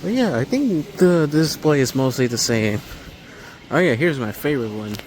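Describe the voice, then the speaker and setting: A mid-range, expressive, slightly mellow man speaks at normal speed on a rough recording with a little hiss or hum. This amateur video maker wanders through a large hardware store with loose, spontaneous commentary, keen like a hobbyist filming, as store music plays behind.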